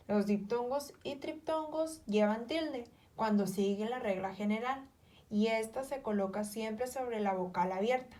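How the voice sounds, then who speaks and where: A woman with a fairly high voice reads grammar rules aloud at an unhurried pace. She works through them point by point, pausing on each example word. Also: a little mellow. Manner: slow, careful, listing examples word by word. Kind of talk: reading spelling rules aloud.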